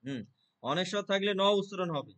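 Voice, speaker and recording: A man with a fairly high voice gives an online lesson on Sanskrit verse pronunciation. He explains patiently, one step at a time, and keeps asking whether the student is following. He recites each verse slowly and deliberately. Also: lively intonation, a bit bright. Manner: explains step by step, often checks with "right?". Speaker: Gita teacher. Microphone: online call.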